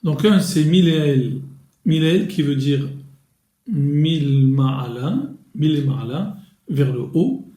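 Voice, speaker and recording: A man giving a recorded grammar lesson, explaining slowly and deliberately with pauses and small restarts. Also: on the high side, animated, mellow, reverberant. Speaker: Hebrew grammar teacher.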